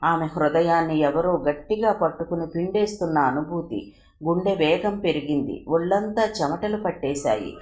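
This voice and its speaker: A woman narrating a novel aloud with steady, expressive storytelling. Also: deep voice, moderate pace. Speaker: audiobook narrator. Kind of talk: novel reading. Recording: echoey room with faint noise.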